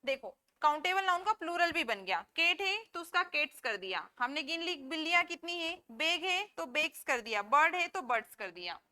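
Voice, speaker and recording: A woman with an Indian English accent teaching a classroom lecture, explaining slowly and asking and answering her own questions. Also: sits high, sing-song, sharp tone.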